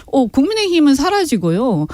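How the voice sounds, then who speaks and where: A woman's voice: high voice, very animated, normal speed, mellow, no echo, clean studio sound. A woman guest on a radio talk show, giving frank, critical political commentary with emphasis. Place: radio studio. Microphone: studio mic.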